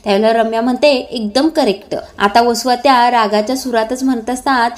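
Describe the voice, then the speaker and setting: A woman with a high, light voice recaps a TV serial episode. She narrates the scenes and reads out every character's lines in one steady storytelling voice. Small filler sounds break up her phrases. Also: a little fast.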